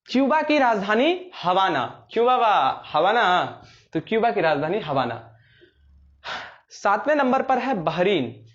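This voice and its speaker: Young guy teaching exam tricks, high voice, jokey storytelling, kinda dull lo-fi sound. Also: sing-song, unhurried, a bit bright. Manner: playful storytelling, acts out little scenes in rustic dialect. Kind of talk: explaining memory tricks for exams.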